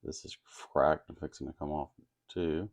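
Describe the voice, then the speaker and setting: In a rumbling low voice with a steady tone and normal pace, a man walks through a technical process one step at a time. He hosts a channel about building electronics kits, and his folksy, plain manner recalls a hobbyist teaching at his workbench.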